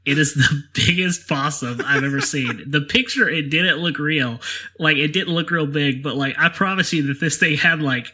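A man's voice: on the high side, normal speed, sharp tone. A man with a Southern US accent, co-hosting a podcast and telling a rambling story with lots of laughs and "like". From Alabama. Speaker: podcast co-host. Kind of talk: casual chat, storytelling.

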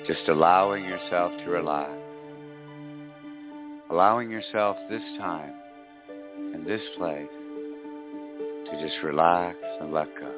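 A man leading a spiritual guided meditation in a slow, soothing, hypnotic way, with long pauses and repeated phrases. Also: deep voice. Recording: dull lo-fi audio, music behind. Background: faint music.

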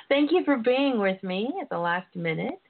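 A woman hosting an informal sex talk show, chatty, sassy and flirty, with drawn-out emphasis. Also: a little high. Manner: sassy, flirty, drawn-out emphasis, calls listeners honey and darlings. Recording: tinny phone-line audio.

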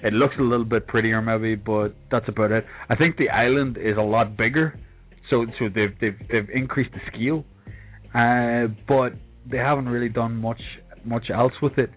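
A man's voice: mid-range voice, steady tone, normal speed. A man with an Irish accent chatting casually and swearing freely as a podcast co-host about games. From England. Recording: tinny phone-like voice call, music behind.

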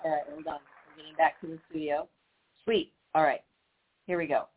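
A fairly high-voiced male host talks over a speakerphone, and the sound is narrow and tinny like a phone call. Faint hiss sits under his voice. He sounds flustered and casual as he fixes a shaky connection live on air. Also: flat delivery, a little fast. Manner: flustered, troubleshooting the line. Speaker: radio show host calling in. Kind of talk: casual live radio chat.

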